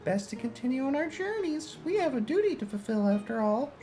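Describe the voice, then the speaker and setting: Мужчина пищит за мечтательную юную странницу. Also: male voice, very high voice, big pitch swings, fairly quick, music in the background, voice pushed up. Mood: wistful.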